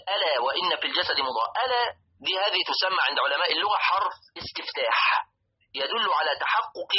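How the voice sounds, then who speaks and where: A man's voice: sits high, slightly rough, lo-fi sound. A man with an Egyptian Arabic accent giving a religious lesson, explaining a text and repeating and stressing key words. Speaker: religious teacher.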